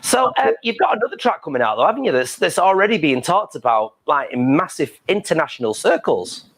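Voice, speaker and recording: Male host, teasing and camp, higher pitch, very animated intonation. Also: brisk. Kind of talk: casual interview chat.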